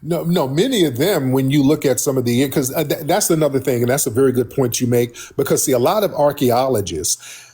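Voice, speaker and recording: A man's voice: mid-range voice, brisk, mellow, breathy edge. An American man hosting a casual live talk, speaking in a blunt, colloquial way. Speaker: host.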